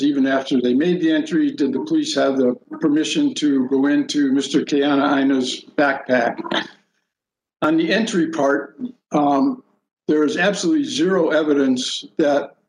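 A man arguing a legal case as a defence lawyer, in a roomy recording with some noise. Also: a little high. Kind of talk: oral legal argument. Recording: roomy, faint background noise.

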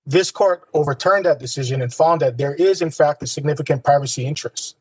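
Male attorney, formal legal argument, slightly high husky voice, dry sound. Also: fairly quick, no echo, rough recording.

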